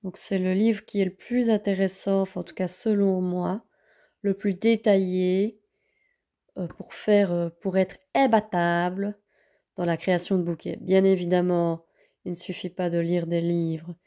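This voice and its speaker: Gravelly-voiced woman reviewing books. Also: on the low side, level tone, measured pace, warm tone. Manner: hesitant, many fillers. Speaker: vlogger. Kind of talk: casual book review.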